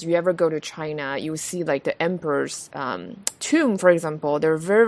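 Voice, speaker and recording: A low-voiced woman from Taiwan hosts a podcast, chatting casually with plenty of fillers and restarts. There is no echo in the recording.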